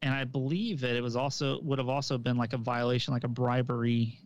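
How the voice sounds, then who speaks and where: A man's voice: mid-range voice, level tone, quick pace, no room sound, dull audio. A man who coaches, co-hosting a casual podcast chat in an easygoing, hedging way full of "like" and "um".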